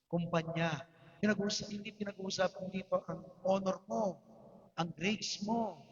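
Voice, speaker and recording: A man's voice: high voice, slightly rough. A Filipino man preaching a sermon, his voice strained, with emphatic repetitions and rhetorical questions. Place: church hall. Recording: dull livestream audio in a reverberant hall.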